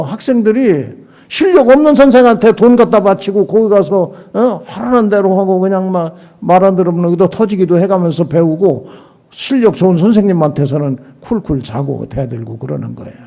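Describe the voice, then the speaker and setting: An older male pastor preaches with a gravelly, husky voice that rises and falls widely. He drives his points home with rhetorical questions and acts out little scenes. His tone is mellow and dark, a bit higher than most men. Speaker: senior pastor. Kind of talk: sermon.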